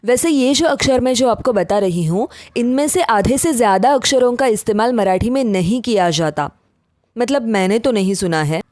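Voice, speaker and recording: A woman teaching pronunciation, reciting syllables one by one in a slow, deliberate drill. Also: fairly high pitch, lively intonation, a little mellow, no room sound, studio quality. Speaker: language teacher. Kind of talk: pronunciation lesson.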